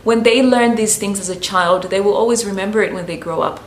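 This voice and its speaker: A woman's voice: mid-range voice, fairly quick, slight background noise. A woman from Zambia, giving casual hair-care advice to camera in a chatty, loose way, often saying "you know". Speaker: natural hair vlogger. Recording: echoey room, faint background ambience.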